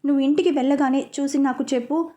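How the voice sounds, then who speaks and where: A woman doing an anxious younger sister, questioning, high, soft-toned. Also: fairly even intonation, quick pace, lightly acted. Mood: urgent.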